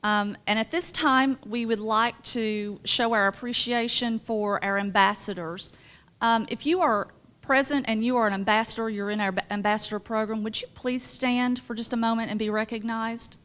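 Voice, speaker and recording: A woman's voice: fairly high pitch, fairly even intonation, normal speed, a bit bright. A woman hosting a chamber of commerce event, making polite, gracious announcements.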